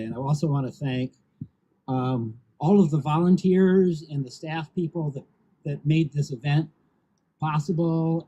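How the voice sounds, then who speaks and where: A man, the head of a housing nonprofit, delivers measured prepared remarks at an outdoor ceremony and fills his pauses with ums and uhs. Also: mid-range voice, dark tone, dull audio.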